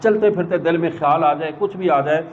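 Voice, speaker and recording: A man giving a religious talk, telling stories and acting out the people in them. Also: a little high. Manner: animated storyteller who acts out the people in his anecdotes. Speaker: religious speaker. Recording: slightly dull recording with faint background noise.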